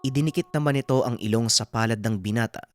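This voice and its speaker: A woman narrating a folk horror story in a steady, plain storytelling manner. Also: very deep voice, quick pace.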